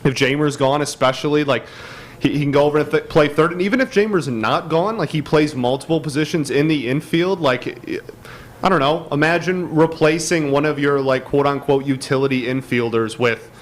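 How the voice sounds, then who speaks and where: A man co-hosting a sports podcast, chatting casually and excitedly with many restarts and fillers. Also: fairly high pitch, brisk. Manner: excitable, stumbling restarts, lots of "like".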